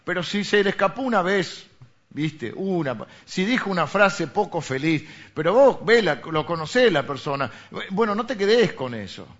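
Rioplatense pastor preaching conversationally. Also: male voice, sits high, expressive, normal speed, a bit bright. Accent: Rioplatense Spanish. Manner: conversational preaching with rhetorical questions. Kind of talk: sermon. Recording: dull lo-fi recording.

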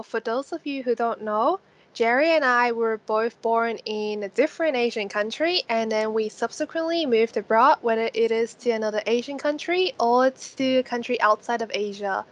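A young woman from Hong Kong co-hosting a podcast, telling her stories in an upbeat, chatty way. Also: on the high side. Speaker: podcast co-host. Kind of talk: casual podcast chat.

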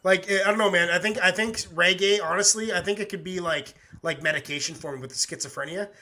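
A man with a high, sharp voice hosts a live music reaction stream. He talks in a loose, rambling way and curses nearly every sentence, easygoing and unfiltered. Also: fast. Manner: rambling, swears constantly, laid-back. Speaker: podcast host reacting to music. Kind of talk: casual live-stream chat.

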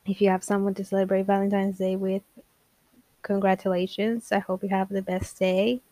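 Hosting her own podcast, a young woman rambles through a relaxed solo talk, self-deprecating, laughing often and straying off topic. Her medium-pitched voice is warm, with little pitch movement and a normal speed, captured in a dry recording.

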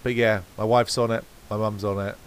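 A man's voice: fairly low pitch, brisk, smooth, poor audio. A man co-hosting a podcast, chatting casually and rambling through his thoughts with many restarts. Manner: rambling, self-correcting, relaxed. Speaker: podcast co-host. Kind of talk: casual chat.

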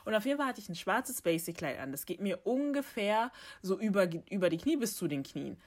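A woman's voice: mid-range voice, sing-song, a little fast. A young woman in a casual conversation, speaking frankly and with indignation, talking things through in long runs. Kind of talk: casual chat.

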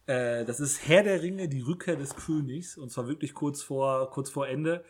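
A man hosting a relaxed conversation among friends, talking casually in a mid-range voice. He often stumbles, restarts and repeats words as he goes. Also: mid-range voice, normal speed, husky. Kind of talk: casual chat.

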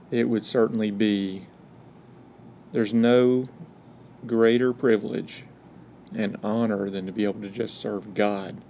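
As a podcast guest in a relaxed interview, this middle-aged university provost speaks with a Georgia Southern drawl, being frank, folksy and full of jokes. He's from Georgia, USA. His voice is fairly low and mellow, with slight noise behind it.

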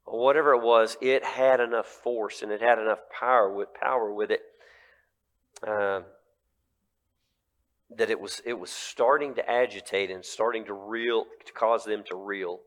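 A male pastor preaching a sermon in a lively, conversational way, full of rhetorical questions. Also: mid-range voice.

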